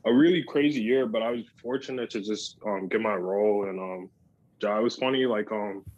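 A young man speaking as a podcast guest in casual chat, relaxed and full of "like" and "um". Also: lowish voice, fairly quick. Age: young adult. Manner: relaxed, lots of "like" and "um". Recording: dull lo-fi dry sound.

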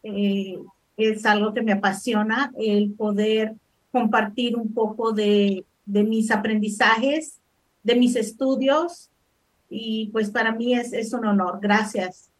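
A woman's voice: on the high side, fairly even intonation, takes it slowly. A middle-aged woman from El Salvador, a life coach answering interview questions modestly, with frequent hesitations. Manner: modest, hesitant with many fillers.

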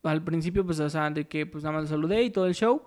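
A man's voice: fairly high pitch, fast, darkish tone. A man hosting a casual solo podcast, rambling loosely with many fillers and restarts. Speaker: podcast host.

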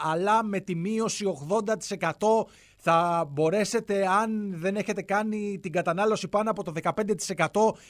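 High-voiced sarcastic Greek-talk host, dry sound. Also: male voice, no room sound. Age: 40s. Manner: animated, mocking, exasperated rants with sudden high shouts. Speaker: radio-style commentary host. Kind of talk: sarcastic comic monologue.

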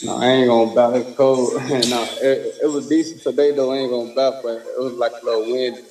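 A man's voice: medium pitch, little pitch movement, fairly quick, a little mellow. A man from Chicago's South Side, a guest music artist talking laid-back slang on a call with his phone held away from his mouth. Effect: phone held away from the mouth, faint and distant. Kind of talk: casual interview over a phone call. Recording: echoey distant phone audio.

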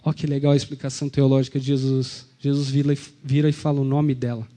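A man's voice: medium pitch, flat delivery, quick pace, mellow. A man with a Brazilian Portuguese accent, preaching an Easter sermon as a pastor, retelling the story and asking the congregation rhetorical questions.

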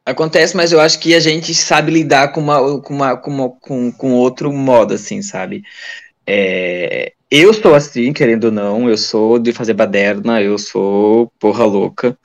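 A man, a guest telling stories in a casual, animated interview. He acts out the dialogue he retells and restarts his sentences often. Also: mid-range voice, unhurried, vocal fry. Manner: many fillers and restarts.

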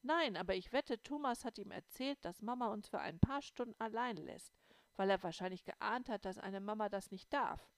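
A woman's voice: mid-range voice, moderate pace, no echo, voice pushed up, natural voice. A woman reader voicing a worried, clever young girl who explains things earnestly in an audiobook. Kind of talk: audiobook reading.

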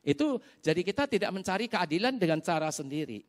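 Animated man preaching a lively sermon. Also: high-pitched, quick pace. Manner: animated storytelling with sound effects; colloquial, asks the congregation for amens. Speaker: pastor.

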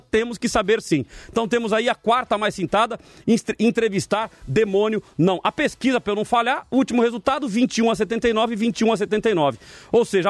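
A man, a pastor hosting a debate show, telling stories and exhorting listeners in an animated, emphatic preaching style. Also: high voice, dry recording.

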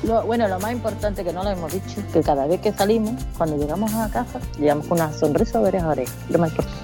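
A woman chats as a podcast guest in relaxed, easy replies. Her voice sits fairly low, with faint music underneath. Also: fast. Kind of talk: casual chat.

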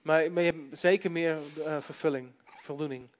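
A man interpreting a sermon live, phrase by phrase, quickly following the preacher. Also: a little high, fairly even intonation.

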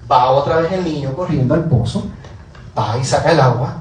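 Animated preacher man in an echoey hall. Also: a little high, moderate pace, distant mic. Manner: animated, repeats phrases for emphasis. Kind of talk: sermon storytelling. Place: church hall. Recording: echoey room, voice from afar, faint ambient noise.

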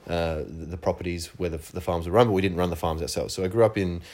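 A man's voice: low-pitched, steady tone, quick pace, darkish tone. A young man from northern New South Wales, a musician being interviewed in casual chat, hesitant and laughing easily. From northern New South Wales, Australia. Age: young adult. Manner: hesitant, many restarts and fillers, laughs easily. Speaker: musician guest.

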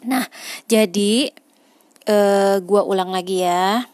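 A woman's voice: medium pitch, slow, a little mellow, no room sound. A woman, talking casually to her viewers, reasoning aloud and dropping frequent filler tags. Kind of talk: casual monologue on life choices.

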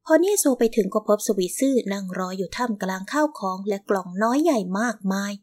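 A woman with a slightly raised pitch reads a historical romance novel aloud, audiobook style. She gives every character's lines in her own voice, with no separate character voices. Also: expressive, fairly quick, darkish tone. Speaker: audiobook narrator.

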